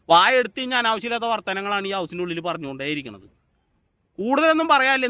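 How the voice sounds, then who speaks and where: Male show reviewer, outspoken and repetitive, very high and bright voice. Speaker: YouTube reality show reviewer. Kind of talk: casual spoken review monologue.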